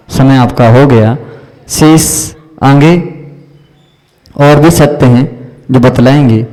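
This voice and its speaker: Slow, higher-voiced man teaching in a reverberant hall. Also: a little mellow. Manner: quizzes listeners with questions and repeated "isn't it?" checks. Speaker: Jain monk teaching a class. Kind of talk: religious teaching discourse.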